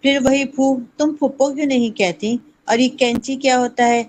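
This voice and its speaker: A woman's voice: high voice, steady tone, darkish tone, slight background noise, pitched above the performer's own voice, natural voice, poor audio. A woman voicing a fussy aunt in a children's story, stern and exacting as she keeps correcting a girl's pronunciation. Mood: scolding. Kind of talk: reading a children's story aloud.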